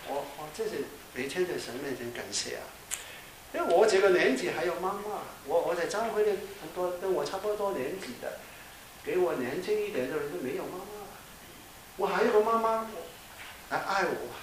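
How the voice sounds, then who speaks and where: A man's voice: high voice, expressive, brisk. A middle-aged man preaching a conversational sermon as a pastor, often checking in with his listeners and using fillers. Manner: conversational preaching with frequent tag questions and fillers. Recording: echoey room with faint hiss.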